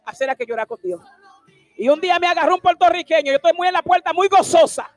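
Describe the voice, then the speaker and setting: Impassioned high-voiced woman preacher. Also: lively intonation, quick pace, no room sound, faint music behind. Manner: impassioned, emphatic, at times shouting. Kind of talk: sermon.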